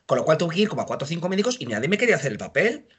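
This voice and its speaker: Fast-talking man with a husky voice. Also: fairly high pitch. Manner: animated, quick, self-mocking anecdotes. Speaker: judge. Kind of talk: casual interview storytelling.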